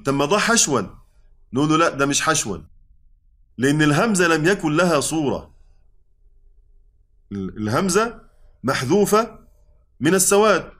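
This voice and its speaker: A man's voice: on the high side, a bit bright. A man with an Egyptian Arabic accent teaching a class on Quran spelling, explaining patiently step by step and often checking that his students follow. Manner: keeps checking the class understands. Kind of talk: classroom lesson explaining text.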